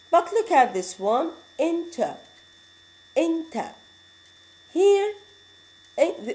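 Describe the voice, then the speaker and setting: A woman with an Arabic accent teaching English spelling rules, explaining slowly and repeating each example word. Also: on the high side, mellow, rough recording. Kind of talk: classroom lecture.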